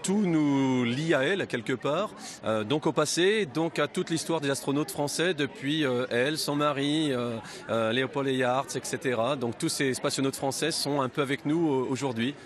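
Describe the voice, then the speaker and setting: A man's voice: medium pitch, normal speed. A male teacher giving a spontaneous interview, hesitant as he searches for words. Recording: busy crowd chatter behind.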